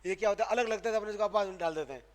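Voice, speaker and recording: A man from Rajasthan, India, gives a classroom grammar lecture to a live class, his high-pitched voice racing along. He fires questions at the students and answers them himself, stressing and repeating sounds to show how they are pronounced.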